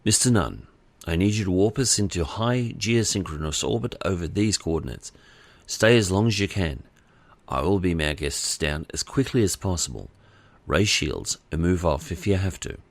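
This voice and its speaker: A man voicing a calm, reserved male Vulcan commander who speaks in a measured, formal way in an audiobook. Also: low-pitched, no echo. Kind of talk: audiobook character voice.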